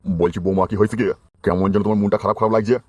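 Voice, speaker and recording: An actor playing a grumpy, blunt older father-in-law in a comic cartoon, gruff and dismissive. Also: on the low side, fairly even intonation, rapid-fire, a little mellow, close to an everyday voice.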